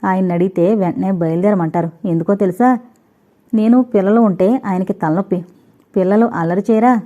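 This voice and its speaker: A woman voicing a lively, teasing young married woman who chats quickly and playfully. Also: medium pitch, close to an everyday voice. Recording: tinny, phone-like recording.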